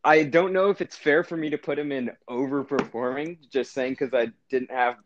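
A man's voice: medium pitch, moderate pace, muffled recording, slight background noise. A man co-hosting a casual sports podcast, rambling and correcting himself as he talks through his team's season. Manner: rambling, self-correcting, animated. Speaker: podcast co-host.

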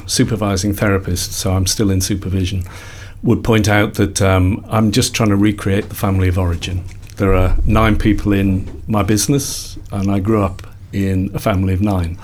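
Reflective older man, low voice. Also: fairly even intonation, moderate pace, darkish tone. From Liverpool, England. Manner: reflective, rambling storyteller with frequent self-corrections. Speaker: guest, company founder and psychologist. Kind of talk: casual interview conversation.

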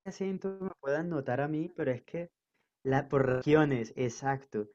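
A man's voice: on the high side, moderate pace, dull audio. A man from northern Colombia with a mixed Colombian accent, a podcast guest talking in an earnest, reflective way. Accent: Colombian, mixed coastal. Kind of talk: casual conversation.

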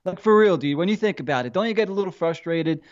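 A man's voice: high-pitched, lively intonation, fast talker, dull audio. A man co-hosting a podcast, venting in casual sports chat with exasperated rhetorical questions and heavy swearing. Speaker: podcast co-host.

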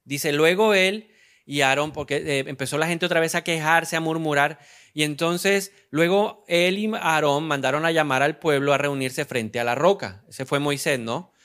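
A man preaching a sermon who asks the congregation questions and answers them himself, slowing down to stress key phrases. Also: on the high side. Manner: acts out quoted lines with sudden loud outbursts. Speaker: pastor.

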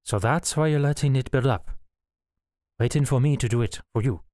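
A man's voice: medium pitch, normal speed, darkish tone, no room sound, clean studio sound, natural voice. A man voicing a young male first officer with a wry, teasing manner. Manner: smirking, playful.

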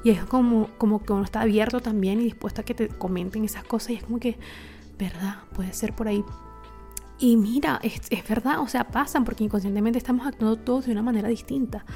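A woman's voice: fairly high pitch, fast, hardly any pauses, warm tone, faint music behind. A woman telling a personal story to her viewers, reflective and confiding, with many fillers. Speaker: vlogger.

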